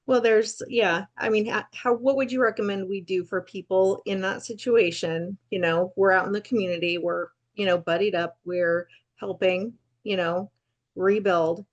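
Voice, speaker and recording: A woman's voice: medium pitch, steady tone, moderate pace, dull audio. A woman asking questions on a call, searching for words with many fillers and restarts. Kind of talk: casual interview questions.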